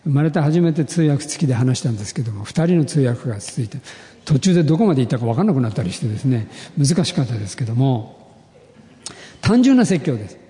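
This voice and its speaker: A man, a pastor, giving an earnest sermon testimony, telling his story in a measured way with rising emphasis. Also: medium pitch, expressive, dark tone, big-room sound.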